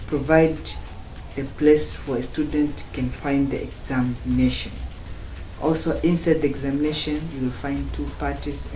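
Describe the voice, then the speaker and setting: A man from Tanzania, giving a student testimonial in slow, halting phrases broken into short chunks. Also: mid-range voice, darkish tone. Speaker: former student giving a review. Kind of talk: spoken testimonial. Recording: roomy echo, faint background noise.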